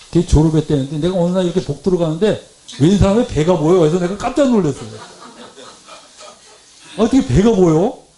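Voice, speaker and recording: A man preaching a Sunday sermon in a church, telling stories, putting questions to the congregation and acting out quoted speech. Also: slight background noise. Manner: lively storytelling, asks the congregation questions; acts out quoted Bible speech with big pitch swings. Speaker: lay preacher.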